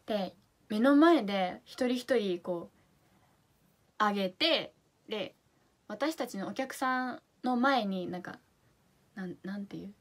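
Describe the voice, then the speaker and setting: A woman's voice: mid-range voice, expressive, takes it slowly, pauses often. A young woman from Fukuoka with a Hakata accent, chatting casually on a livestream and reading out viewer comments in a bubbly way. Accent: Hakata dialect. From Fukuoka, Japan. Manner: bubbly, chatty, drops to soft asides. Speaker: idol livestream host.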